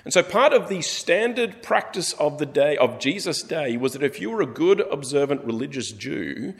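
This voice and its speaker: Aussie guy preaching, lively storyteller, big echoey hall. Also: a little high, normal speed. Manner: animated storytelling, acts out characters. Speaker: pastor. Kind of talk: sermon. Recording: long hall reverb.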